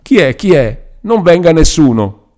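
A man's voice: sits low, very animated, moderate pace, mellow. A man reading aloud and voicing a terrified young woman held captive, pleading and crying out. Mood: frantic. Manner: pleading, frantic cries.

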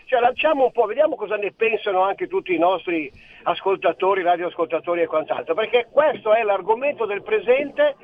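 A man's voice: high-pitched, big pitch swings, fairly quick. A man from Friuli Venezia Giulia calling in to a radio show over the telephone, talking in long winding sentences. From Friuli Venezia Giulia, Italy. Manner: winding, theorizing, loose sentences. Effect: heard over a telephone line. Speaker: radio caller. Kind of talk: rambling phone-in call. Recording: tinny phone line with faint hiss.

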